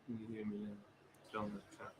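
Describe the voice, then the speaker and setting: A man's voice: fairly low pitch, completely flat delivery, a little fast, slightly rough. A man on a casual live stream, sounding distant and hollow like he's down a well as he checks whether he can be heard from across a brewery bar. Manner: repeatedly asking if he can be heard. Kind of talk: casual chat while testing mics. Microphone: distant microphone across the bar.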